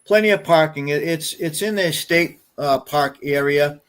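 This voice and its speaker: A man guest on a podcast, talking casually with many pauses and fillers. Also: on the high side, fairly bright tone. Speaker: snowmobile club guest. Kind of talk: casual chat.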